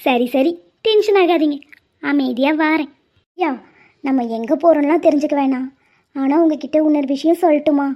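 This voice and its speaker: A woman's voice: sits high, normal speed, lightly acted. A woman voicing a chatty, curious young bride who teases in a bubbly way. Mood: teasing. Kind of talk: Tamil cartoon voice acting. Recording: muffled lo-fi audio.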